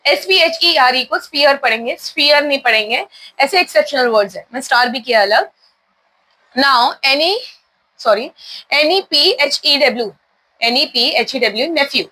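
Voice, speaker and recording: A woman's voice: high-pitched, lively intonation, normal speed, pushed and bright, slight background noise. A woman with an Indian accent teaching English pronunciation, spelling each word out letter by letter and then saying it, repeating words as a drill.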